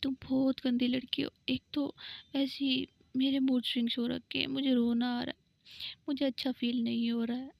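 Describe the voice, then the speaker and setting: A woman's voice: high-pitched, little pitch movement, moderate pace, gravelly, dry recording. Woman voicing a teasing, moody young woman. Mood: whiny. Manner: playful, whiny. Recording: dull lo-fi recording.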